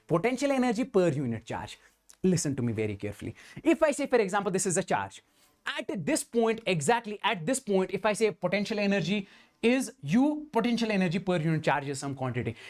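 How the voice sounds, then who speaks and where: A male physics teacher, giving an exam-prep lecture and checking in often with students. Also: high-pitched. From India. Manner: addresses students directly, keeps asking "understand?"; voices the students' replies as "Sir, ...".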